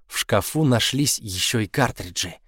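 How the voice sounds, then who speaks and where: A man narrating a first-person story in an expressive, scripted reading, slowing down to linger on key words. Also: on the low side, breathy edge, no room sound, clean studio sound. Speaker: audiobook narrator.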